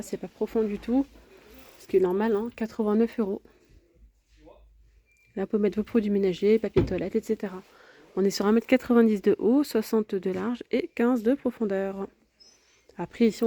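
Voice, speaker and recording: Casual woman vlogger, mellow tone, chatty store walkthrough on a phone. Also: mid-range voice. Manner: chatty, lists prices and sizes, frequent fillers. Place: large home improvement store, indoors.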